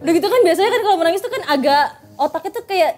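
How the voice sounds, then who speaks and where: A woman co-hosting a casual chat, teasing with quick reactions. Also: extremely high pitch, expressive, music in the background.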